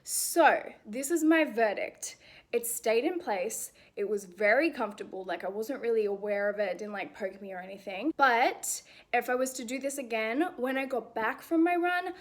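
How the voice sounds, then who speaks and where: A woman's voice: fairly high pitch, moderate pace. A young woman hosting a casual review vlog, chatty and encouraging, with frequent "like" fillers. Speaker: women's health video host.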